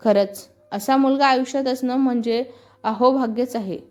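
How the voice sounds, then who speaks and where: A woman's voice: a little high, fairly even intonation, moderate pace, faint music behind. A woman reading a story aloud as scripted narration, speaking all the characters' lines in her own voice.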